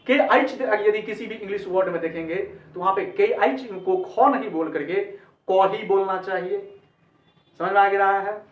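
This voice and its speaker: A man who speaks Hindi teaches pronunciation as an English teacher, in a high voice. He explains patiently, repeats words and checks that students understand. The spoken lesson sounds roomy, distant and muffled.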